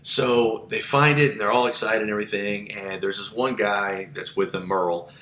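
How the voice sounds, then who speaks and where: A man's voice: fairly even intonation, normal speed, a bit bright. Chatty male lecturer in an echoey room. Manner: chatty, digressive, many fillers. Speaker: psychology instructor. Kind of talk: informal recorded lecture. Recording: echoey room with low rumble.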